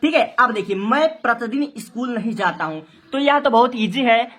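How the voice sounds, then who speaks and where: A woman's voice: a little high, expressive, moderate pace, a bit bright. A woman teaching a translation lesson, explaining each step, asking and answering her own questions, and spelling out words letter by letter. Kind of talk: Hindi-to-English translation lesson.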